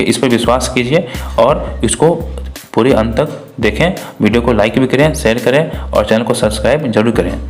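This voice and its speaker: Male teacher, mid pitch, walks through test questions and keeps repeating himself, faint music under it. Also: a little mellow. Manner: repetitive, asks and answers his own questions. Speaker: exam prep teacher. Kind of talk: spoken exam walkthrough.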